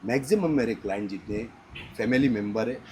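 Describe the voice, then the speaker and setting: A man's voice: on the low side, animated, a little fast, darkish tone, slight background noise. A man with an Indian accent, a goat farm owner, talking casually in an interview on his farm, emphatic and insistent in short clipped phrases.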